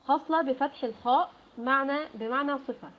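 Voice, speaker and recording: A woman's voice: high-pitched, brisk. Methodical Egyptian woman teaching Arabic. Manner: methodical, with frequent "aah" fillers. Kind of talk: explanatory lesson on word pairs. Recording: dull lo-fi sound.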